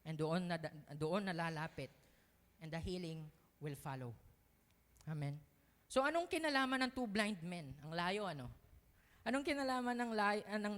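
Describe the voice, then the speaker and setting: A woman preaching a youth sermon in a church hall, emphatic, swinging between loud cries and soft asides, mixing Tagalog and English. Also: mid-range voice. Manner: mixes Tagalog and English freely. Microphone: livestream sound. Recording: long reverb of a church hall.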